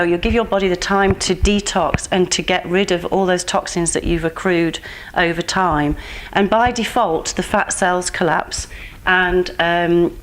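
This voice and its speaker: A woman answers interview questions in a slightly low voice. She explains things earnestly and at length, often pausing on "um" and "uh" as she goes. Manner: earnest, explanatory, with frequent fillers. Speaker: pageant contestant and nutrition coach.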